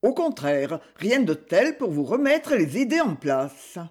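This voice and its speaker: A man voicing a boisterous, prank-loving middle-aged mayor who calls out loudly. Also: sits high, sing-song, a little slow, slightly rough, heavily acted. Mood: jovial. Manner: loud, jovial exclamations.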